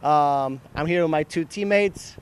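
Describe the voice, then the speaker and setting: A man's voice: fairly high pitch, unhurried, a little hiss or hum. A man from Argentina, a soccer player, teasing and laughing in a casual outdoor interview. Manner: playful, teasing, laughs a lot. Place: outdoors by a river.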